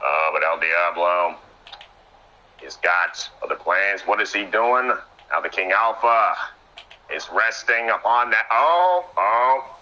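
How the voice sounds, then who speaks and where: Excitable male wrestling commentator, bright-voiced. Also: deep voice, slow pace, rough recording. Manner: excitable, trips over words and laughs at himself.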